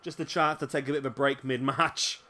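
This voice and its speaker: A man's voice: mid-range voice, steady tone, a little fast, sharp tone, slight background noise. A man with hiccups giving casual play-by-play commentary on a wrestling video game. He is chatty, often adds tag questions and corrects himself.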